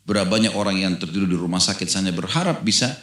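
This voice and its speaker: Low-voiced male preacher, echoey room. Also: very fast. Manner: animated storytelling, acts out a dialogue in the anecdote; asks the audience questions. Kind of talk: Islamic sermon.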